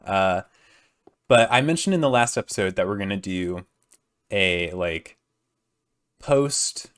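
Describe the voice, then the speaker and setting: A young man talks through his gameplay in a deep, low voice that still sounds groggy from just waking up. He rambles casually, loses his thread, corrects himself and fills the gaps with ums and likes. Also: animated, slow pace, a bit bright. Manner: rambling, many fillers and self-corrections. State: groggy morning voice. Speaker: gaming video host.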